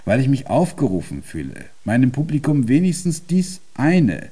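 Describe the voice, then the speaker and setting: Playing a headstrong, imperious composer-pianist from Vienna in a German radio play, this actor speaks with formal, deliberate pomposity. His medium-pitched voice is warm and husky yet very animated, carrying a solemn, resolute mood.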